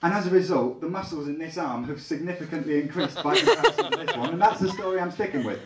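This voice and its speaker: A young Englishman with a Leicester accent carrying a touch of Liverpool performs stand-up in a small theatre lounge, chatting and bantering with the live crowd and letting out excited yelps. His fairly high voice moves quickly. It was captured from a distance in an echoey room with heavy background noise.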